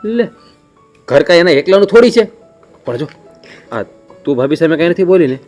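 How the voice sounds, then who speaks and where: A man's voice: fairly high pitch, lively intonation, brisk, darkish tone, soft background music, natural voice. An actor playing a caring young husband, coaxing his wife to tell him what is wrong. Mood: indignant. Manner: coaxing, keeps asking "eh?". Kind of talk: family drama acting.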